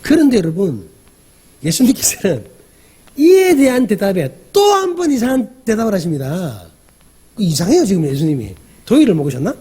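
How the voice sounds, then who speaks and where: A man's voice: sits high, big pitch swings, moderate pace, warm tone, slightly rough. A male pastor giving a conversational sermon, often asking the congregation questions and acting out the dialogue he describes. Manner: acts out quoted dialogue.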